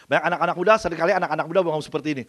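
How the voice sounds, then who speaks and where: A middle-aged man preaching a sermon as pastor, going from soft asides to loud emphasis. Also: a little high, fairly even intonation, rapid-fire.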